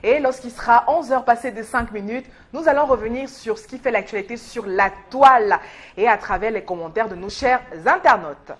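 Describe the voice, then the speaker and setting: A woman greets viewers on a morning talk show and previews her segment in a polished, formal tone. Her voice sits slightly high. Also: normal speed. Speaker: panelist. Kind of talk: scripted TV greeting.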